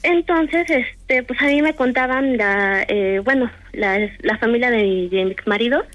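A woman's voice: on the high side, unhurried, fairly bright tone, dull audio. Hesitant woman telling a story. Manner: hesitant, many fillers and restarts. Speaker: guest telling a paranormal story. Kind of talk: casual storytelling.

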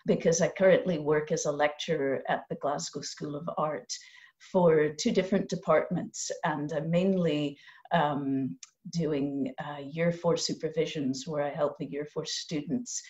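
Middle-aged woman, low voice, measured and academic, slightly dull call audio. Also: fairly even intonation, a little mellow. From Canada. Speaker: poet and lecturer. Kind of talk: online panel talk. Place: home room with lamp. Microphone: video call.

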